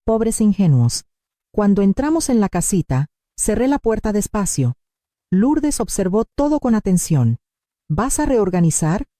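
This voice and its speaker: Calm, measured woman narrator for a scripted story; very dark, dry sound. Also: medium pitch, no room sound. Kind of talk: scripted first-person narration.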